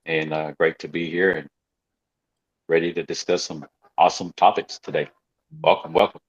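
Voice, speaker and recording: A man's voice: low-pitched, level tone, normal speed, breathy edge. A man from Samoa introduces himself on a video call in an upbeat, easygoing way. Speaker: panelist. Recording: muffled lo-fi call audio.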